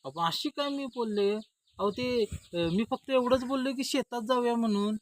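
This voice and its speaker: A man's voice: very high voice, moderate pace, voice pushed up. A man voicing a practical, nagging village wife. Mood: coaxing. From Maharashtra. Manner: pleading "aho" addresses.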